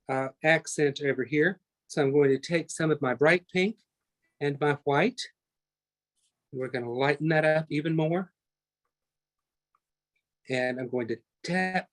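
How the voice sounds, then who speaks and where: A man teaching a live online painting class, chatty and talking through each step as he works, often correcting himself mid-sentence. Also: fairly high pitch. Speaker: painting instructor.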